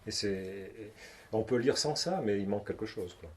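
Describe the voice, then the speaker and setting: A man's voice: lowish voice, expressive, brisk, a little mellow. A man, a translator, speaking in a bookshop conversation, hesitant with many restarts and fillers.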